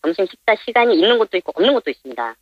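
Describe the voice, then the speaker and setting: A minibus driver, kept anonymous with a pitch-shifted voice, gives plain, halting, polite explanations in a sing-song manner. The phone interview audio is dull and band-limited, with no echo.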